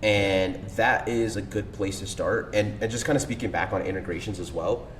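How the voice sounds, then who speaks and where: At a moderate pace and with fairly even intonation, a cold email agency owner chats as a podcast guest, enthusiastic, slangy and heavy on fillers. Faint rumble and room echo come through a distant microphone.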